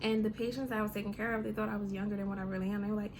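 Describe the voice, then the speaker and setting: A vlogger in her thirties rants casually to her camera audience, chatty and full of "you know" and "um". Her mid-range voice is delivered flatly and at a racing speed over a noisy background.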